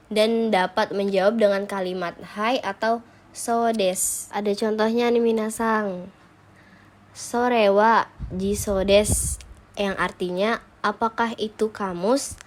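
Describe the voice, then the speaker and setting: A young woman, teaching a Japanese lesson in a patient, explanatory way. She speaks to her viewers directly again and again. She slows down to read each example sentence carefully. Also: mid-range voice, fairly even intonation. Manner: addresses viewers often, reads example sentences slowly.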